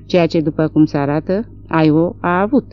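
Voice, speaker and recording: A woman's voice: deep voice, dry recording, lightly acted. A woman reading the part of a blunt, scoffing rural man in an audiobook, from a dull lo-fi recording. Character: gossiping rural old man, Ratcliffe, blunt.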